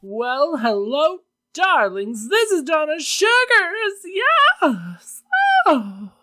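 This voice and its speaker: A podcast host voicing a campy drag queen hostess, a theatrical, attention-loving diva with gushing, drawn-out delivery. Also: high-pitched, sing-song, bright, forceful tone, faint music behind, voice pushed up, full character voice. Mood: grand, welcoming.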